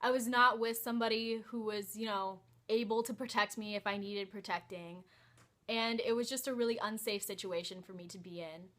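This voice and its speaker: A young woman recounts a personal story in a casual vlog, hesitant and peppered with "like" and "um". Her voice is bright and clear, at an ordinary pitch. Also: fairly even intonation, normal speed. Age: young adult. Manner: hesitant, many "like" and "um" fillers. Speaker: vlogger.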